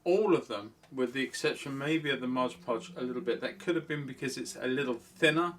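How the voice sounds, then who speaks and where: A man's voice: mid-range voice, fairly quick, a little hiss or hum. A middle-aged man hosting his own hobby vlog, talking in a rambling, self-deprecating, chatty way. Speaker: model railway channel host. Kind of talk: casual hobby vlog talk.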